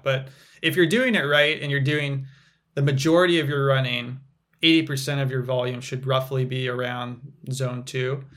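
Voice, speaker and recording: A young adult man, a physical therapist guest on a podcast, explaining things in a relaxed way with frequent fillers. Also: medium pitch. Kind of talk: casual podcast interview.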